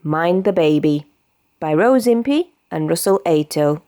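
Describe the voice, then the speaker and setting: A young British woman reading a children's bedtime story with animated, storytelling expression. Her voice sits low but leaps around a lot, and the sound is close and dry. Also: a little slow, no echo. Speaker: storybook reader.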